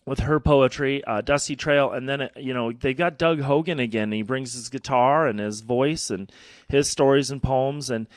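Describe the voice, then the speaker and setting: A man's voice: medium pitch, normal speed, no echo. An American man with a folksy cowboy drawl, talking and storytelling as a cowboy poet in a radio studio.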